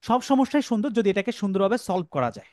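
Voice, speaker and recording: A man's voice: high voice, expressive, fast talker, darkish tone, dry recording, studio quality. Man drilling an English class. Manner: repeats and drills phrases, asks the class questions. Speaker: English teacher. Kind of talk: classroom lecture.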